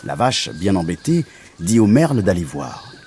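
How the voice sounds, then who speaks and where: Expressive man telling a children's story. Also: sits low, normal speed, a little hiss or hum.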